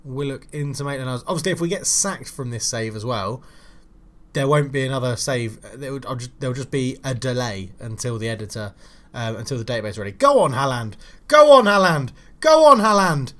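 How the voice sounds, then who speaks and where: A young man giving casual, frustrated commentary while playing a football management game, swearing and shouting at his players. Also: medium pitch, fast talker. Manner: frustrated, swears, loud outbursts at his team. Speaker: gaming channel host.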